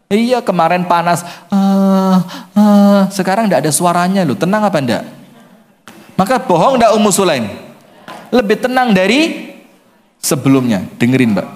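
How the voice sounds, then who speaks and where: A male preacher tells a story to his congregation in a fairly high voice, stopping often to quiz his listeners. His voice carries a long hall reverb. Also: very animated, moderate pace, pauses often. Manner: storytelling, asks the crowd questions. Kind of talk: sermon.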